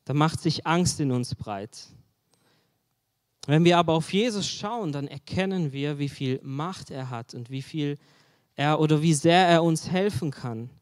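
A man delivers a sermon in an earnest, searching way and keeps turning to his listeners with direct questions. His voice sits a little high for a man. A long reverb trails after his words, as in a large hall. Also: measured pace. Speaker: preacher.

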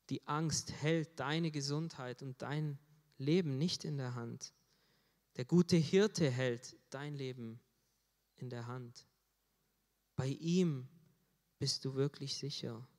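A man preaching a sermon in an earnest way, rising in force on key phrases. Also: medium pitch. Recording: long hall reverb.

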